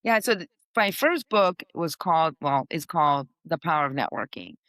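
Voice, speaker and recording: A woman's voice: low voice, animated, moderate pace, fairly bright tone, no echo. A middle-aged woman from Portugal, chatting upbeat as a guest on a podcast, with many fillers. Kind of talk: casual interview talk.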